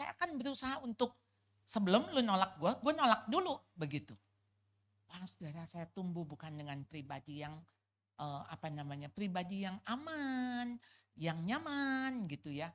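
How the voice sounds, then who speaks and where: With a mid-range voice, this middle-aged speaker from Jakarta offers a testimony to a church couples' fellowship. She keeps it casual and animated, peppered with colloquial asides.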